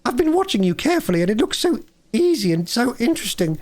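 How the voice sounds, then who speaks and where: A man voicing a boastful, reckless male toad disguised as a washerwoman, with a high, feeble put-on voice that swells into loud swaggering boasts. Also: very animated, fast, full character voice. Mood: wheedling.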